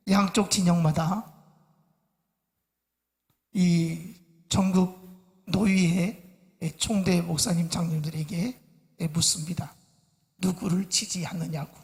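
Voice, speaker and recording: A male pastor preaching a sermon to his congregation, in a slow, measured way with many pauses. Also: sits high, creaky. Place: church sanctuary. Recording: church hall reverb.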